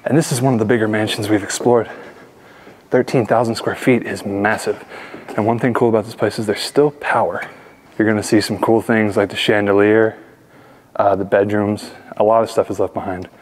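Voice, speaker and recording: A young man with a fairly low voice narrates as he walks through a big empty house, speaking casually and with excitement to his viewers. His handheld camera mic catches a faint hum of room ambience behind him. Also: normal speed. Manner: excited, addresses viewers as guys. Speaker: urban explorer vlogger. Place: large empty mansion indoors.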